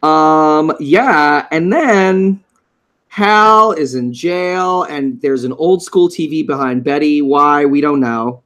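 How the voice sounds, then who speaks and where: A man's voice: on the high side, takes it slowly, a bit bright. A man co-hosting a casual show recap, playful and jokey. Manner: playful, jokey, puts on silly voices. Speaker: podcast co-host.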